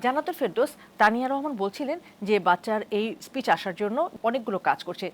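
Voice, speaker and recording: Brisk woman hosting a TV panel. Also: on the high side, lively intonation. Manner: brisk, guiding, names each guest. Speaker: TV talk show host. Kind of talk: moderating a studio panel.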